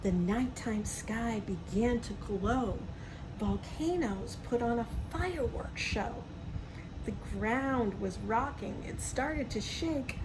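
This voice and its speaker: A woman with a slightly high voice slowly reads a picture book to young children, pausing for friendly asides, simple explanations and questions to the listener. The recording has clearly noisy surroundings.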